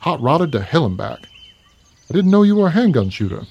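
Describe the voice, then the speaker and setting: A man voicing a gruff, wisecracking police officer who needles his friend. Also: fairly high pitch, big pitch swings, brisk, muffled recording, pitched above the performer's own voice, full character voice. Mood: needling. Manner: dry, needling, complaining. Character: gruff, wisecracking middle-aged male cop.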